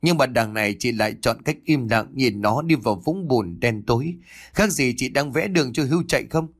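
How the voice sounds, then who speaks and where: A man's voice: medium pitch, lively intonation, brisk, husky, no echo, studio quality. A man voicing a stern, furious old village mother who scolds harshly through gritted teeth.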